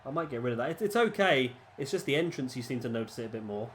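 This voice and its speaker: An animated, quick-paced man of medium pitch, stuffed up from a cold, chats and rambles over a video game as a gaming commentator. He often restarts, and background noise is audible.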